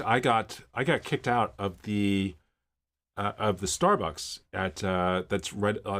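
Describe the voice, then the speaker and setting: A man in his fifties from Miami, Florida, hosts a laid-back livestream in his home office, responding to viewer comments through meandering stories packed with fillers. His voice is low with a fairly bright tone.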